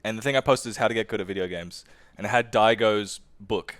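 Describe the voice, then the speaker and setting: A young adult man with an Australian accent hosting a casual podcast interview, chatty and quick to laugh. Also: on the low side, a bit bright, no echo. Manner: chatty, laughs easily, acts out quotes. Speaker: podcast host.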